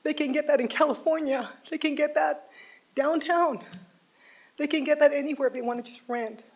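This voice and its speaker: A woman's voice: high voice, steady tone. An older woman making a heartfelt, emotional public comment as a resident at a city planning meeting, speaking from a podium microphone. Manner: heartfelt, pleading, slow and deliberate. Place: city council chamber.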